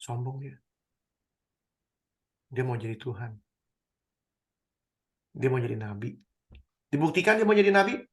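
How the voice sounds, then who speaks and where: A man teaching a Bible study, animated, swinging between loud and hushed. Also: medium pitch, measured pace, long pauses. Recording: roomy echo.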